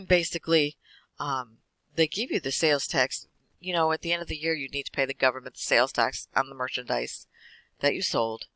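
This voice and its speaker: A man teaching an accounting class, walking through lecture slides quickly with casual fillers. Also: fairly high pitch, sharp tone, dry recording, rough recording. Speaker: accounting instructor.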